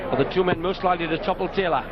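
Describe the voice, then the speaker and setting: High-pitched, excitable male darts commentator. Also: racing. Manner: excitable, emphatic. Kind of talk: excitable live sports commentary. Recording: muffled broadcast with loud crowd. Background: loud darts crowd.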